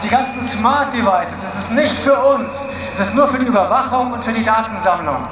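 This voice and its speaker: A man's voice: very high-pitched, brisk, loud music behind the voice. A man interpreting a speech phrase by phrase at an outdoor demonstration, now and then restarting a word. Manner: translating phrase by phrase, occasionally restarting words. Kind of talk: consecutive interpreting at a rally. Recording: echoey outdoor loudspeaker sound with crowd noise.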